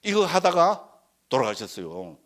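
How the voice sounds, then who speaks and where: Animated older monk. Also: male voice, on the high side, normal speed. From Korea, Gyeongsang region. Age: 60s. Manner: conversational, keeps asking the audience for agreement. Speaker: Buddhist monk lecturer. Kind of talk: Dharma lecture with personal story.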